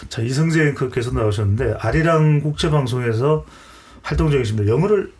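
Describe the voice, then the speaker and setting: A man with a slightly husky voice moderates a broadcast panel. His pitch is medium, and he addresses guests formally as he introduces them and poses questions. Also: a little fast, darkish tone. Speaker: host, debate moderator.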